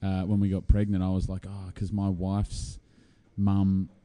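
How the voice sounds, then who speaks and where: A man with a Tasmanian Australian accent talks casually as an interviewee. His voice is low in pitch and very dark and soft-edged in tone. He sounds like a guest in an informal conversation. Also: monotone, a little slow. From Hobart, Tasmania, Australia. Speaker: interview guest, singer-songwriter. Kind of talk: casual chat.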